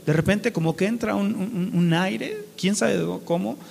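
A man's voice: high voice, moderate pace, vocal fry, darkish tone, breathy edge, big-room sound. A Mexican man preaching a sermon, colloquial, throwing rhetorical questions at the congregation. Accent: Mexican Spanish.

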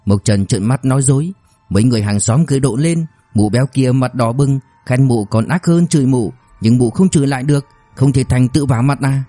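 A man narrating a novel as an audiobook in a brisk storytelling manner. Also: medium pitch, dark tone, no room sound, soft background music.

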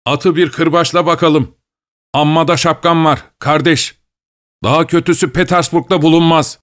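A man's voice: fairly high pitch, steady tone, moderate pace, fairly bright tone, pitched above the performer's own voice, natural voice. A man voicing a rude young hunchbacked passenger in a storybook reading, speaking in a shaky, insulting tone. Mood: bossy.

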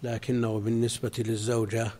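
A male religious scholar lectures his students on a legal text. His voice is husky and sits at an ordinary middle pitch. He explains step by step and stops now and then to answer questions. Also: flat delivery, fairly quick, warm tone. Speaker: Islamic scholar teaching a class.

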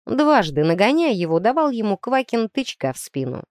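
A woman narrating a children's story in an expressive storytelling manner. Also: on the high side, moderate pace, dry recording, clean studio sound. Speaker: audiobook narrator. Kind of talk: scripted narration.

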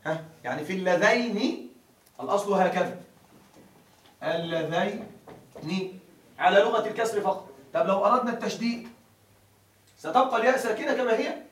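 A man teaching grammar to a class, stretching out example words slowly and often asking the students whether the point is clear. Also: high voice. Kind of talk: classroom lecture. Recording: echoey room, mic far off.

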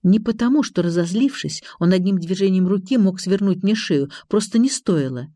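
A calm audiobook narrator reads in the first person. The voice is mellow and dark, recorded dry and close to the mic. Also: medium pitch, moderate pace, no echo.

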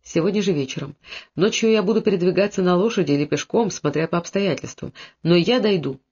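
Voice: medium pitch, fast, darkish tone, husky. A reader voicing a devoted, brave young nobleman who speaks with impassioned earnestness, on a dull lo-fi recording.

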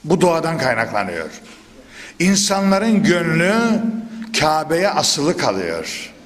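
A man preaching a Quran commentary lesson into a pulpit microphone, animated and full of sudden emphatic bursts and questions to his listeners. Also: a little high, slow. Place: at a pulpit in a large reverberant hall. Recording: long hall reverb.

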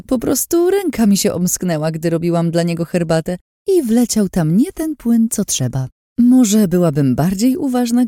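A woman's voice: medium pitch, dark tone, no echo, clean studio sound, pitched above the performer's own voice, close to an everyday voice. A woman voicing a cruel, scheming woman who taunts her captives in a sweetly menacing, sing-song way.

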